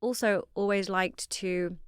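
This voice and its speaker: A young woman from New Zealand with a New Zealand accent, chatting as an interview guest about her career in a quick, self-deprecating way. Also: mid-range voice, fairly even intonation, smooth, dry recording, studio quality. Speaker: guest, fashion founder. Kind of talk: casual interview storytelling.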